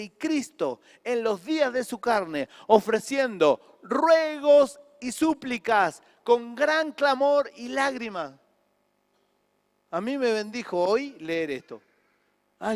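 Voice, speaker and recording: Impassioned high-voiced Argentine pastor. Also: male voice, clean tone, dry recording, in a large hall. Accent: Argentine Spanish. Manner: impassioned, swings from soft to shouting. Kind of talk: sermon.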